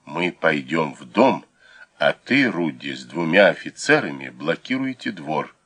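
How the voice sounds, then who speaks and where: A man reading a tense operative who gives hushed, firm orders. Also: a bass voice, big pitch swings, measured pace, heavily acted. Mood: commanding. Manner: hushed, commanding. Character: tense, commanding male operative leading an ambush. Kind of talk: audiobook character voice.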